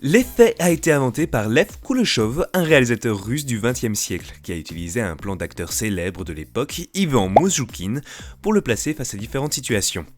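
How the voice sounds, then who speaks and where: Man, voice-over narrator, mocking, animated pitch, light music. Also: a little fast. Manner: mocking asides. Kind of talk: comedic educational voice-over.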